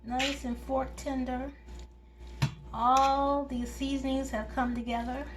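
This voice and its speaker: A woman's voice: high-pitched, level tone, slow. A woman hosting a home cooking video, chatting homely as she talks viewers through each step in her kitchen. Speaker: home cooking channel host. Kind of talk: casual cooking demonstration.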